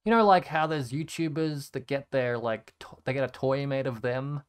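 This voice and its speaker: A young man with a smooth, clear voice rambles through a story in casual chat. He is sarcastic and swears freely, and his pitch sits in the middle range. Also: moderate pace. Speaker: content creator. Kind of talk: casual storytelling over photos.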